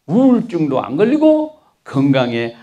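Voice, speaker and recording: A man's voice: on the high side, wildly swooping pitch, measured pace, mellow, muffled recording. A middle-aged man, a doctor, giving a folksy, joking health talk to an older audience and asking them to repeat after him. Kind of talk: lively lecture to older listeners.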